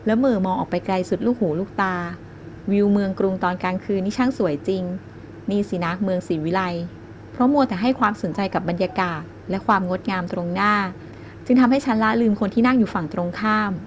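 A woman narrates a romance novel in the first person. Her voice sits at a middling pitch. She keeps a gentle, even storytelling pace. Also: a little fast, a little hiss or hum. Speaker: audiobook narrator.

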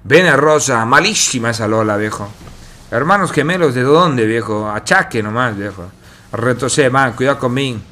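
Esports caster, male, Latin American Spanish accent. Forceful fighting-game-announcer delivery, salty slang, names fired off in repeated bursts. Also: mid-range voice, moderate pace. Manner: foul-mouthed, slangy, exasperated ribbing of players. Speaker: esports commentator. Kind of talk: excited play-by-play game commentary, like a fighting game announcer.

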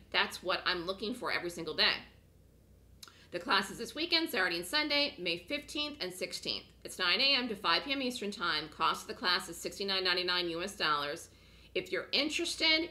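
Running a webinar from her home office, a trading course instructor speaks in a lowish yet bright, forward voice. She's slightly hoarse, like she's just recovering from a cold. She pitches her course in a chatty, repetitive way, often checking in with "okay?"

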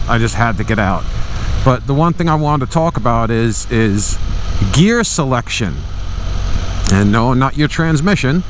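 A man's voice: medium pitch, poor audio. Rambling middle-aged man riding a trike. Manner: rambling, opinionated, frequent restarts. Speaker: motovlogger. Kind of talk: casual riding vlog monologue. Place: outdoors on a moving three-wheel motorcycle. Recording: road and engine noise. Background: engine and traffic noise.

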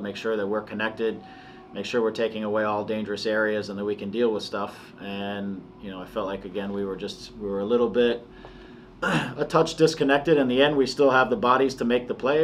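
Press-conference coach, man in his forties: lowish flat voice, measured and halting, slight hiss behind. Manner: measured, halting, many restarts and fillers. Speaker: soccer head coach. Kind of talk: post-match press conference. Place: press room before a sponsor backdrop.

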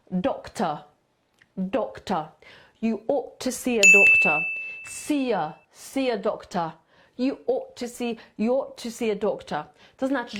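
A woman's voice: mid-range voice, darkish tone. Chatty Polish woman teaching English. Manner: chatty, explains slowly, repeats example phrases. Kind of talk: casual spoken English lesson for beginners.

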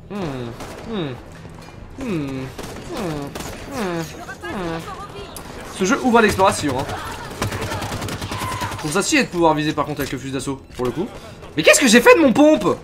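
A man streaming a game live, chatting casually and reacting loudly as he plays. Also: fairly high pitch. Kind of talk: live gameplay commentary.

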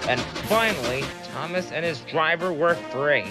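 A man narrating a children's story in an animated storytelling way, with music behind. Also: a little high, moderate pace.

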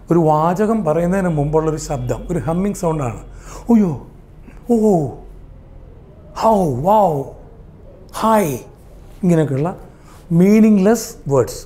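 A man's voice: a little high, mellow. A man with a Malayali accent teaching English grammar, asking the class questions and then answering them himself. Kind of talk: explaining grammar in a lesson.

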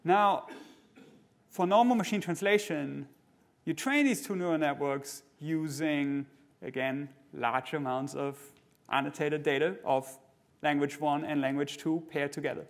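A middle-aged man giving a keynote lecture on a large conference stage, explaining things in a measured way with fillers and restarts. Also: fairly high pitch. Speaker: keynote speaker.

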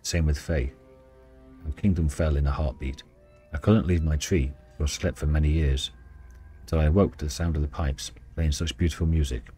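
A man's voice: very deep voice, steady tone, normal speed, mellow, slightly rough, faint music behind. A man voicing a wistful, ancient female dryad from a video game, telling the story solemnly. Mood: mournful. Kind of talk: video game dialogue read aloud.

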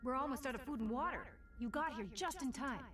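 A woman's voice: high-pitched, quick pace, a bit bright, a little hiss or hum. An actress voicing a weary female research scientist in a video game, trapped and anxious, speaking earnestly.

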